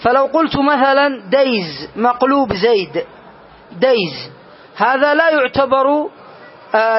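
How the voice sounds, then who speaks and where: High-voiced man teaching grammar, lo-fi. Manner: patient, repeats key phrases. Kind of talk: classroom lesson. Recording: dull lo-fi recording.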